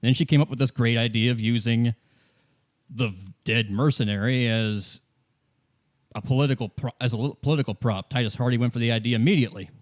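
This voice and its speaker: Here the man plays a fugitive gunwoman with red hair, hiding out, defiant and bitter, in a tabletop radio play; she's guarded and insistent, dismissive and sardonic, with repetition for emphasis. He speaks a little fast in a natural, medium-pitched voice with fairly even intonation.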